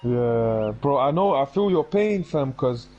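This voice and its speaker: A man's voice: mid-range voice, animated, measured pace, mellow, lo-fi sound, soft background music. A young man from Lebanon with a London accent, chatting with friends while streaming a game, telling rambling, slangy stories. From Lebanon, raised in Essex and London. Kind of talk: casual chat.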